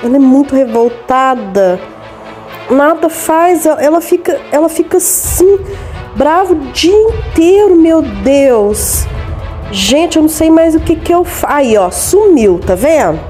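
A woman's voice: sits high, lively intonation, unhurried, dark tone. A woman voicing a desperate mother of a constantly crying little girl, pleading and frantic, in a game role-play voice-over. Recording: background music under the voice.

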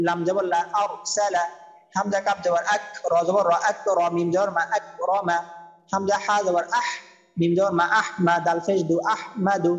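Man, high voice, teacher, spells letters one by one, then joins them, patient and repetitive drill. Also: in a large hall, rough recording. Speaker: Quran recitation teacher.

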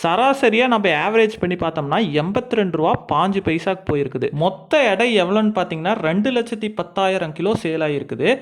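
A man's voice: high voice, lively intonation, fast, few pauses. A man giving an informal, explanatory market price report as a channel host.

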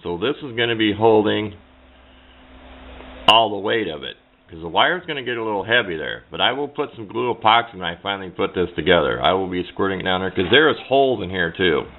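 Fairly low-pitched and fairly quick, with lively intonation, a plain-spoken radio hobbyist gives a relaxed workbench tutorial. His camera microphone yields muffled, phone-like audio amid background noise.

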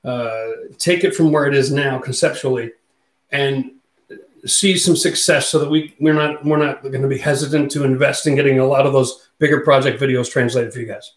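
The man in his forties hosting this laid-back livestream has a mid-range voice, a steady tone, and a normal speaking speed as he chats and reads viewers' comments aloud. The sound is roomy, coming from his home studio room through a boom-arm studio mic.

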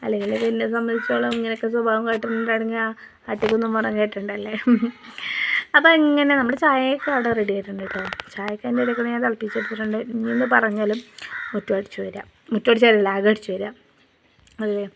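Fast-talking woman vlogger. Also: a little high, little pitch movement, creaky, noisy background. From Kerala, India. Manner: chatty and homely, addresses viewers directly. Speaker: family vlogger. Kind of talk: casual voice-over narration of a home vlog.

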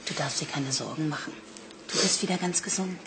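An actress playing a hospital nurse who calms a patient and sends a visitor out firmly. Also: female voice, deep voice, brisk, slight background noise. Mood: soothing. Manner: soothing but firm. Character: firm, soothing hospital nurse.

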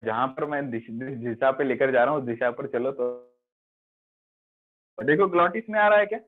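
A man's voice: mid-range voice, normal speed. A man with an Indian accent teaching a biology class online, mixing Hindi and English and often checking that students follow. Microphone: video call. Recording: phone-like online class audio.

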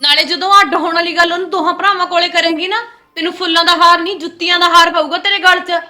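A woman's voice: very high-pitched, fairly even intonation, fast, sharp tone, faint music behind, heavily acted. A woman playing a stern elder sister-in-law in a family short film, lecturing and scolding the younger wife.

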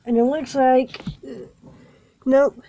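A woman with a sniffly cold, calmly narrating each step of building a small toy set in a casual vlog. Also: sits high, takes it slowly, lo-fi sound. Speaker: toy vlogger. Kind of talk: casual unboxing and building walkthrough.

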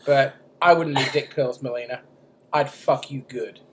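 A man's voice: medium pitch, normal speed, fairly bright tone, slight background noise. A man co-hosting a podcast, talking casually, joking crudely and laughing often. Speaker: podcast co-host.

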